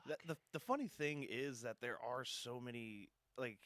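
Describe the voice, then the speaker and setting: A mid-pitched man chats casually on a podcast, often stopping to restart his sentences. He laughs along readily. The recording is close and dry. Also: a bit bright, no room sound. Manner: halting, many fillers and restarts, laughs along. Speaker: podcast co-host. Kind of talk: casual chat.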